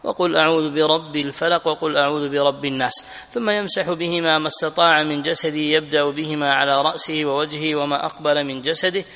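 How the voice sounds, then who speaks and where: A man reading a religious text aloud in a measured, formal way. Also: a little high, fairly even intonation, sharp tone. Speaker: reader of the text. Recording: reverberant hall, dull lo-fi sound.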